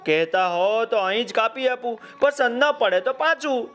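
A man voicing a sly, smooth-talking male shopkeeper who flatters customers and scolds a boy, in a children's story. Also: high voice, unhurried, soft background music, pitched above the performer's own voice. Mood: flattering.

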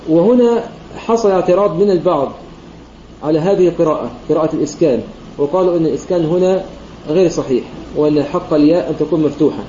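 Male teacher for a recitation lesson, quick delivery and a dark, mellow tone, muffled online-room sound. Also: a little high, slight background noise. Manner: methodical, with frequent "aah" fillers and repeated phrases. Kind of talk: religious lesson explaining a classical poem. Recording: muffled online voice-chat room audio, roomy.

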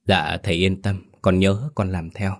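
A man voicing a tired, gentle village wife who speaks hesitantly and softly. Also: deep voice, flat delivery, a little slow. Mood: tearful. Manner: hesitant, soft-spoken. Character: middle-aged village woman, tired, gentle.

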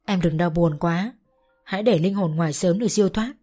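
A woman voicing a calm young man who comforts a grieving friend in a soft, slow, soothing way. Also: fairly low pitch, faint music behind, lightly acted.

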